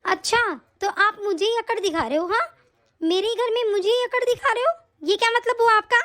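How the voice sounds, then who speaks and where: Cartoon sister-in-law, sharp-tongued and nagging, very high-pitched, voiced by a woman. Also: brisk. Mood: indignant. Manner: nagging, sarcastic taunts. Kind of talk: animated story voice acting.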